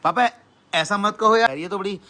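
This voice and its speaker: A young man hosting a casual family vlog outdoors at home, teasing his family and calling out loudly. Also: high-pitched, moderate pace. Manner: teasing, lively, calls out loudly. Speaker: vlogger, host.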